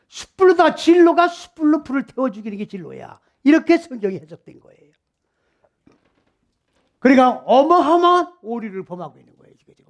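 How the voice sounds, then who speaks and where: Pastor, male, middle-aged, very high-pitched voice, emphatic sermon delivery with rhetorical questions. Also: gravelly. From South Korea. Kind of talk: expository sermon.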